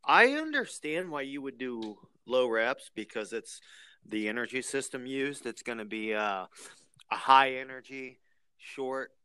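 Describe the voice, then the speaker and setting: A man's voice: medium pitch, expressive, measured pace, pushed and bright, smooth, no room sound. A man hosting an interview podcast, asking curious questions with short friendly replies. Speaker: podcast host. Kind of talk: casual interview.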